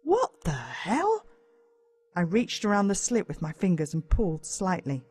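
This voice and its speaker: Unhurried and darkish, this woman's voice is on the low side and slightly rough, and her pitch swoops wildly. She's an Australian audiobook narrator giving a scripted first-person children's story a dramatic, suspenseful reading. The recording is dry.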